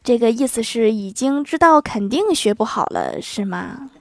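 A woman's voice: on the high side, animated, normal speed. A woman hosting a podcast, reading out jokes and listener comments and adding playful, teasing remarks after each one. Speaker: podcast host.

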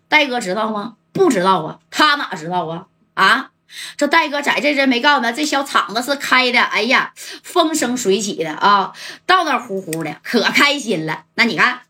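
Woman storyteller, chatty and colloquial, with a bright, husky voice. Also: a little high. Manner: lively, chatty, asks listeners rhetorical questions.

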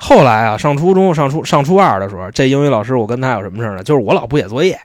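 A man's voice: mid-range voice, expressive, racing, no echo, studio quality. A man telling slangy, chatty stories as a podcast host. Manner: chatty, slangy storytelling, often asks "you know?". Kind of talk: casual storytelling chat.

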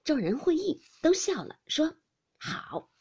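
A woman reading a classic novel aloud as a narrator, expressive and often dropping to a hush. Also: high-pitched, normal speed. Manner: expressive, shifts between hushed and lively.

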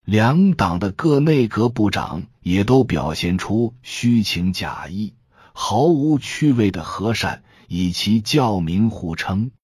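A man narrating an audiobook detective story in a steady, unhurried storytelling manner. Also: fairly low pitch, breathy edge, dry recording, clean studio sound.

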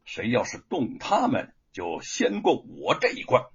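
A man's voice: mid-range voice, wildly swooping pitch, gravelly, husky, full character voice. A storyteller voicing a stern male constable who speaks coldly and word by word, in a dull lo-fi recording. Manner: cold, measured. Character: cold stern male constable, skilled fighter.

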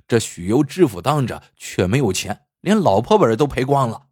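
Lively husky male storyteller. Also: medium pitch, moderate pace, no echo, clean studio sound. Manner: animated, vivid storytelling. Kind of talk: folk tale narration.

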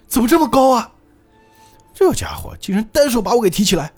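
A man voicing a young man turned into a child, shouting in bewildered alarm. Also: very high voice, sing-song, brisk, husky, soft background music, voice pushed up, heavily acted.

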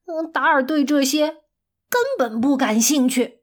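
A woman narrating a children's story with a gentle, expressive, drawn-out delivery. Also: high-pitched.

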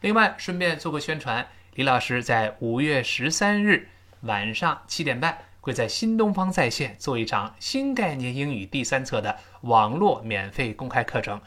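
A middle-aged man teaching spoken English in Chinese, modeling short English phrases slowly and stressing key words. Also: mid-range voice, animated, a bit bright. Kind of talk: bilingual language lesson.

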